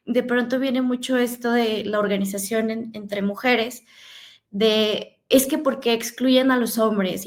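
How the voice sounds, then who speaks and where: A woman hosting a podcast, asking long, thoughtful questions made of several parts. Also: fairly high pitch. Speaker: podcast host. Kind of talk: podcast interview.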